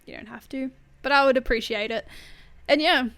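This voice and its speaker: A woman's voice: sits high, normal speed, fairly bright tone. A young woman hosting a podcast, reading online stories aloud and chatting about them casually, with lots of fillers and laughter. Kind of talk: casual story reading and commentary.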